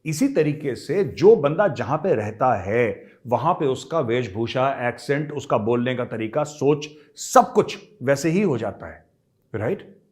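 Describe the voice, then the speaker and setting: A man's voice: medium pitch, lively intonation, a little slow, a little mellow. A middle-aged man giving emphatic political commentary, talking straight to his viewers and repeating his points for emphasis. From India.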